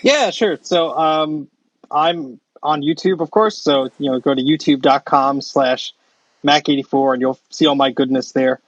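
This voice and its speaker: A man co-hosting a casual podcast over a video call, relaxed and full of fillers. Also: a little high, measured pace, no echo, highs cut off. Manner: relaxed, filler-heavy plugging. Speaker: podcast co-host. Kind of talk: casual chat.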